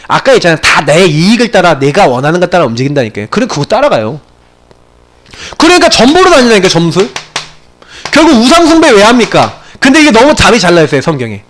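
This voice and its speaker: A male pastor preaching from a church pulpit, his fairly high voice climbing sharply for emphasis. He swings widely in pitch, jumping between forceful exclamations and quiet, confiding remarks. The delivery is animated and conversational. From Gyeongsang region of Korea. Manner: animated preaching with sudden loud peaks and quiet asides. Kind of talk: sermon. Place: church sanctuary.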